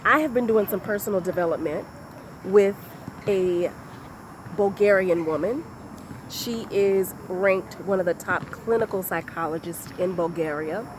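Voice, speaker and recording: A woman giving a motivational talk in a deliberate, repetitive, emphatic way. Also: mid-range voice, background noise. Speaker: motivational speaker.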